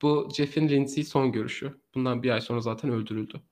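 A man co-hosting a casual true crime podcast, telling the story in an animated way and laughing often. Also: mid-range voice, fast.

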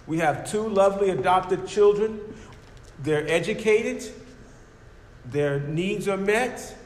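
A man voicing a scoffing male atheist who challenges a believer with mocking questions, in an echoey hall. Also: fairly high pitch. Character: scoffing skeptical male atheist arguing at the door. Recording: echoey hall with faint noise.

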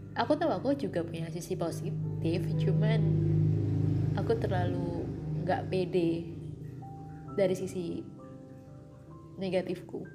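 A woman's voice: fairly low pitch, a little slow, pauses often. A young woman speaking a reflective, self-critical personal monologue, slipping in English phrases. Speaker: vlogger. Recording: music playing behind.

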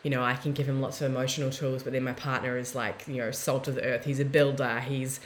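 A young woman guest talking in a heartfelt, soft-spoken way, often trailing off and restarting mid-thought. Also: rumbling low, level tone, fast talker, slight background noise. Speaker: podcast guest. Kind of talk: reflective casual conversation.

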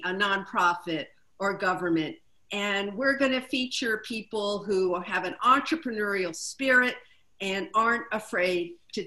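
A woman co-hosting a talk show, introducing a guest and reading prepared figures in a measured way. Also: mid-range voice, sharp tone, echoey room, low-quality recording. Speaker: co-host.

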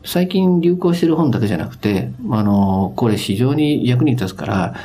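A man's voice: medium pitch, lively intonation, normal speed, dark tone, breathy edge. A man speaking as a business consultant on a podcast, explaining things in a casual, conversational way.

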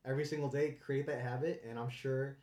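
A man's voice: medium pitch, little pitch movement, a little fast, darkish tone. A young man co-hosting a podcast in easy casual chat, laughing often. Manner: laid-back, laughs often. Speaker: podcast co-host. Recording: echoey room.

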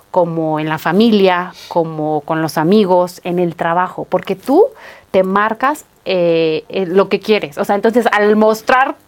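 A young woman, an actress guest chatting casually in an interview, telling stories with lots of laughter and acting out quoted lines. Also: mid-range voice. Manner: animated storytelling, acts out quoted lines, laughs often.

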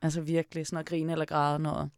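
Young woman host, gravelly, dry close sound, blunt sarcastic chatter. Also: deep voice, monotone, darkish tone, no room sound. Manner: frank, sarcastic, swears often. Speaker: podcast host. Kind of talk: casual chat.

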